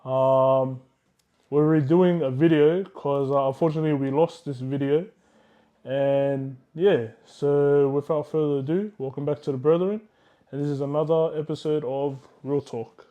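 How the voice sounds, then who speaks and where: A man's voice: a little high, steady tone, unhurried, highs cut off. A young man hosting a casual podcast chat, asking rambling questions full of ums and likes. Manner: rambling, filler-heavy questions. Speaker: host.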